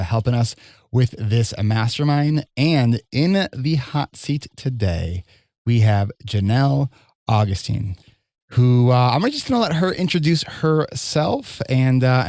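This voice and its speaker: A man hosting a podcast in a relaxed, easygoing conversational tone, pausing on fillers as he goes. His voice sits at an ordinary pitch, recorded dry and close with no room sound. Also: no room sound. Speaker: podcast host.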